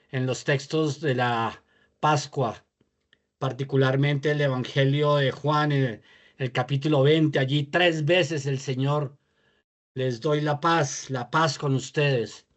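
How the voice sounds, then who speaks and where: A man leading a spoken prayer over a video call, slow and measured, pausing between phrases. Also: on the high side, steady tone. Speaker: prayer leader.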